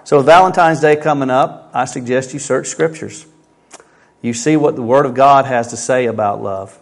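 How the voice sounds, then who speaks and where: Pastor preaching at a pulpit microphone. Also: male voice, mid-range voice, normal speed. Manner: conversational preaching full of rhetorical questions. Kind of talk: sermon.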